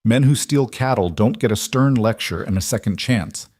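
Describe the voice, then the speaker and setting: A man's voice: mid-range voice, normal speed, darkish tone, dry recording, studio quality, lightly acted. A man playing a stern, ruthless cattle baron who talks in clipped, curt sentences.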